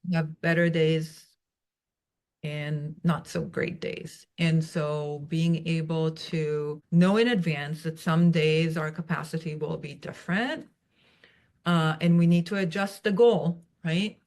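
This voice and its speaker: A woman's voice: sits low, steady tone, slow, darkish tone. A woman guest on a podcast, giving advice in a reassuring way and often checking in with "right?". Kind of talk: casual advice-giving chat.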